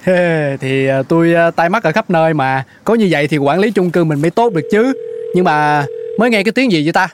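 A fussy apartment building manager with a lilt, played by a man, fast-talking and fond of teasing. His voice sits fairly high and moves fast, with a faint hiss of noise behind it. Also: close to an everyday voice. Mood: joking. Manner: bantering, quick to panic. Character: fussy older male building manager, jokey.

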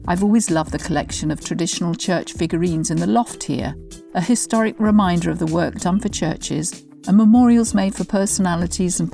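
A woman narrating a documentary and asking interview questions in a measured, descriptive way. Her voice sits low and carries a gravelly fry. Soft music plays underneath.

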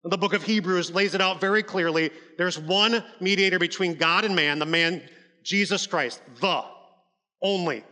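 A man's voice: high-pitched, normal speed, sharp tone, long reverb tail. A male pastor preaching a sermon in a conversational, emphatic way, with frequent restarts and asides.

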